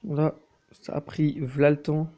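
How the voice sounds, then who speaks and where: Young guy narrating his phone game, swears a ton, kinda nervous, talks fast, gravelly, a bit high. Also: flat delivery, dark tone. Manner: crude, nervous and fast-talking, swears a lot. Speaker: mobile gaming YouTuber. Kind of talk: casual gameplay commentary.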